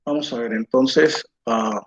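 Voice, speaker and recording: A man teaching an online lecture, slow and patient, checking in with his students after nearly every phrase. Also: medium pitch. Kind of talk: online lecture while drawing on a board. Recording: dull lo-fi sound.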